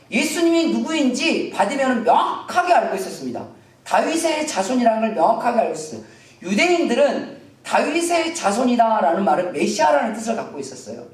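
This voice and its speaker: A male pastor delivers a Sunday sermon with a lively, swinging pitch, chatting with his congregation and acting out the story's shouted lines. His voice carries through a roomy, echoing sanctuary, picked up from a mic some way off. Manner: animated, acts out shouted quotes from the story; conversational, jokes with the congregation. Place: church sanctuary. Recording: roomy hall, voice from a distant mic.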